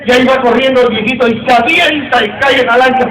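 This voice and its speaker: A man's voice: very high voice, fast talker. A man working as a rodeo clown comedian, telling jokes live and teasing the audience brashly. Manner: brash, insulting banter with the audience. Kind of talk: live joke-telling to a crowd. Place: outdoor rodeo arena. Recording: echoey, distant, loud crowd.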